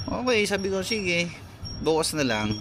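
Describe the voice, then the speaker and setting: A man's voice: high-pitched, sing-song, measured pace. A young Filipino man, a delivery rider, talking in a casual vlog rant, exasperated and scolding. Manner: exasperated, scolding, filler-heavy. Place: outdoors on a motorcycle. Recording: loud road and engine noise. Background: traffic and engine noise.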